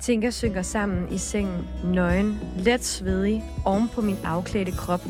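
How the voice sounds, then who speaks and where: A woman co-hosting a podcast, reading a story aloud at a steady, measured pace and chatting casually, with music underneath. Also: mid-range voice. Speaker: podcast co-host and journalist. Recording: background music bed.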